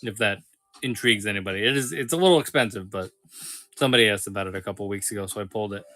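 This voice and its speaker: A man's voice: fairly low pitch, very fast, bright, forceful tone. A man hosting a live toy sale stream, chatting casually with viewers, joking and laughing often.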